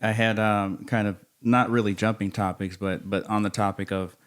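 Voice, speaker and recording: A man's voice: lowish voice, level tone, normal speed, smooth. A man hosting a casual conversational interview, asking questions in a tentative, encouraging way. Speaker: interviewer, host.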